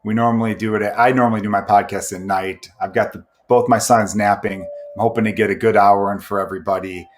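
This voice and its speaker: A man's voice: on the low side, fairly even intonation, fast, few pauses, slight background noise. A man hosting a podcast in casual chat, rambling and joking as he goes. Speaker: podcast host.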